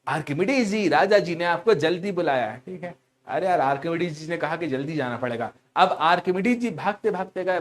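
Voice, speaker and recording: A man teaching a class, animated and teasing, asking questions and repeating key words back to his students. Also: a little high. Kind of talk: lively storytelling lecture.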